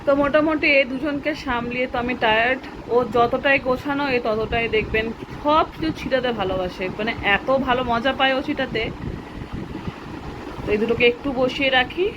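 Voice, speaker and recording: A woman's voice: high voice, fairly quick, muffled recording. A young woman vlogging at home, coaxing her children and chatting to viewers. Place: at home, indoors. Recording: noisy home recording with vehicle sounds.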